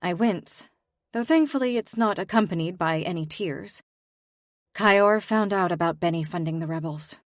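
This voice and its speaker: A woman's voice: on the low side, normal speed, dry recording, studio quality. A young woman giving emotional, weary first-person audiobook narration. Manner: emotional, weary, introspective delivery.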